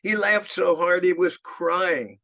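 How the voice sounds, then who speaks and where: Gravelly man in his eighties telling stories. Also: high voice, takes it slowly, sharp tone. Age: 80s. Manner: chuckles through his anecdotes. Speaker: narrator recalling his past. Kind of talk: storytelling reminiscence.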